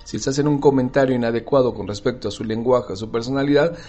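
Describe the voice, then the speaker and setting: A man's voice: medium pitch, fairly even intonation, fast talker, dark tone, faint music behind. A man, hosting a casual talk aimed straight at the listener. He asks rhetorical questions and acts out little dialogues.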